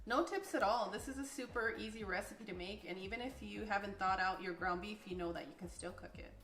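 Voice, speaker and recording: A woman's voice: medium pitch, fast, fairly bright tone, roomy sound. A woman hosting a home cooking video, explaining each step in an upbeat, chatty way and laughing often. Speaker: cooking channel host. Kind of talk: casual cooking demonstration. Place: home kitchen.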